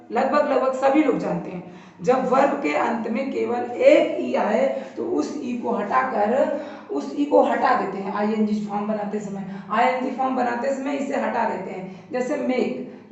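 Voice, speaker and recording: A woman teaching an English grammar lesson, explaining slowly and repeating each point while pointing at a board. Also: high-pitched, gravelly. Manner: slow, repetitive explaining at a board. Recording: very echoey, distant, dull lo-fi room.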